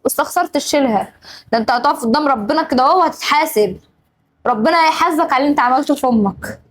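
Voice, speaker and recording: Her voice sits high, animated and racing, though the audio is poor. She's a young Egyptian woman and show regular with an Egyptian Arabic accent, playing a family drama role where she scolds again and again and grows emotional.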